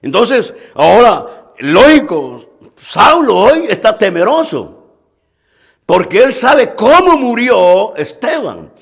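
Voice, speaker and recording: A male pastor delivers a sermon in a high, gravelly voice with a lot of lift and fall in his pitch. He speaks slowly and earnestly, addressing his listeners directly and often repeating phrases or restarting a line mid-thought. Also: sing-song.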